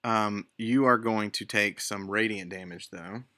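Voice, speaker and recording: A man's voice: on the low side, measured pace, bright, forceful tone. A man narrating as game master of an online tabletop game, describing scenes unhurriedly with fillers.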